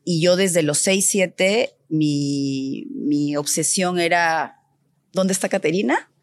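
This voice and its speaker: Her voice sits on the low side and moves at a slow pace, with no room sound. This Peruvian architect and designer is telling stories as an interview guest, speaking animatedly in a conversational way and acting out remembered lines of dialogue.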